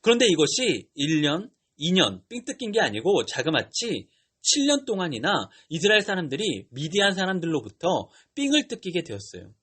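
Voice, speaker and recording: A young man preaching to teenagers as a youth pastor, retelling a Bible story in a lively way with slang and questions to the kids. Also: a little high, moderate pace, breathy edge.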